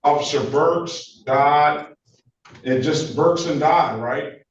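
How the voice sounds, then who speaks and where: A man's voice: fairly high pitch, takes it slowly, far from the mic, highs cut off. Echoey, noisy courtroom recording of a male judge. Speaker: judge presiding over a remote court hearing. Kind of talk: procedural courtroom talk on a video call. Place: remote court session on a video meeting.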